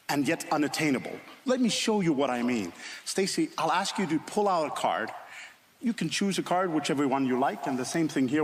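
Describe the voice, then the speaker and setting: A man from Finland with a Finnish accent, performing stage magic patter with playful, chatty remarks to two volunteers. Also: on the high side. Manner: playful, gesturing while talking. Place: TV studio stage with live audience. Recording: roomy studio with loud crowd and noise.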